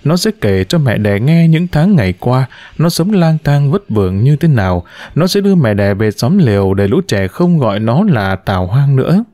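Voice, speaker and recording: Mellow-voiced male story narrator. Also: mid-range voice, moderate pace, dry recording. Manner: expressive, dramatic storytelling. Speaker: audiobook narrator.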